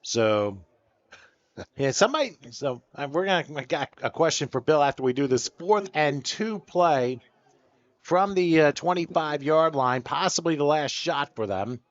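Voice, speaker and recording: A man calling play-by-play for a football game, building excitement as the plays unfold. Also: a little high, a little slow, no echo, dull audio. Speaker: play-by-play announcer. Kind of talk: sports play-by-play commentary.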